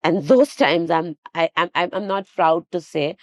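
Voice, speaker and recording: A woman, a guest telling lively stories in a casual conversation. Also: on the low side, normal speed, no room sound. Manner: animated storytelling with quoted dialogue. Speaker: guest, fitness studio owner.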